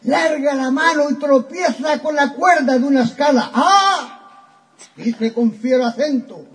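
A man's voice: very high-pitched, steady tone, normal speed, slight background noise. A man reciting comic poetry from memory to a live audience, rhythmic and theatrical.

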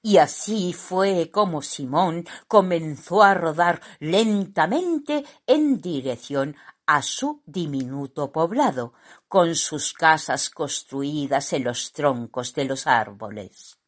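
A woman narrating a children's storybook in an expressive, unhurried manner. Her voice sits fairly low for a woman, yet rises and falls with plenty of color. She reads slowly and carefully, letting each phrase land. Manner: expressive, unhurried reading aloud.

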